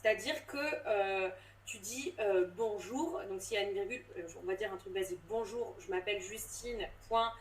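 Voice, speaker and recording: In a casual interview, a voice coach and drama teacher in her thirties explains with plenty of fillers and restarts, sounding hesitant. Her medium-pitched voice is brisk; there's slight background noise, and the roomy recording places her far from the mic.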